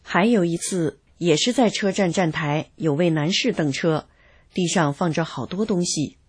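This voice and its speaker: An older woman calmly reading aloud a first-person account of her own experiences. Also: fairly low pitch, normal speed, slightly rough. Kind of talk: read-aloud personal testimony.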